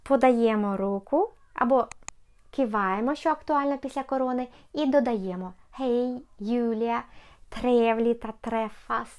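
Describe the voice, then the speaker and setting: A woman gives a beginner language lesson, speaking slowly and saying every phrase twice. Her voice sits fairly high. She models each word with careful pronunciation. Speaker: Swedish language teacher.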